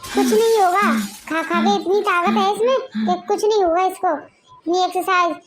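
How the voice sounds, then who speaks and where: A woman's voice: very high-pitched, fairly even intonation, normal speed, music in the background. A woman voicing a bossy husband who harshly scolds his wife. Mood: stern. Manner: scolding, commanding.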